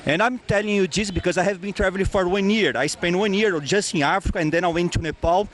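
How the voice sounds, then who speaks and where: A man's voice: high voice, fast talker, a bit bright. A man from Brazil, a traveling tourist, speaking enthusiastically on a street.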